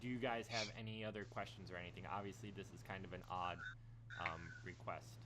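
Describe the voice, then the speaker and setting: A man running a tabletop role-playing game as game master over an online call, narrating hesitantly with many filler pauses. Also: sits low, steady tone, heavy background noise. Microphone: computer mic on an online call. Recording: loud keyboard typing behind.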